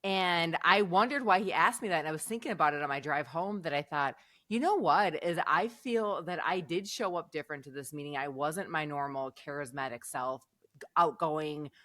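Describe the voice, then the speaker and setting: A woman's voice: low voice, fairly quick, dry recording, studio quality. A middle-aged woman co-hosting a podcast, telling stories in casual chat and laughing often. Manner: animated storyteller, laughs often. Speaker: podcast co-host.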